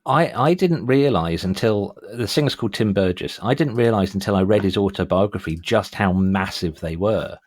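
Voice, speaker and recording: A middle-aged man hosts a music chat in a low voice. He is chatty and anecdotal, and the sound is close and dry. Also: normal speed, hardly any pauses, a little mellow, dry recording. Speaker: music podcast host. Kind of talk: casual chat.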